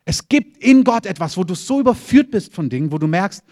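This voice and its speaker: A man's voice: high voice, big pitch swings, brisk, darkish tone. A middle-aged man preaching a sermon as pastor, emphatic and repetitive, punctuating his points with calls of "Amen".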